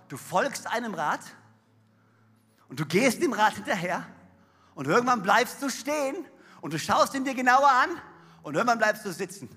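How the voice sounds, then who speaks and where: A man preaching a sermon on stage, energetic and emphatic, with rhetorical questions and a husky edge. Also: sits high, moderate pace, long pauses. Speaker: pastor. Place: large church hall on stage. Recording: reverberant hall.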